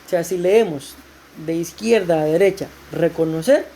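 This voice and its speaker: A woman's voice: lowish voice, normal speed, warm tone, a little hiss or hum. A woman pastor with a Costa Rican accent preaching to a women's group, explaining scripture and asking rhetorical questions. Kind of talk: sermon.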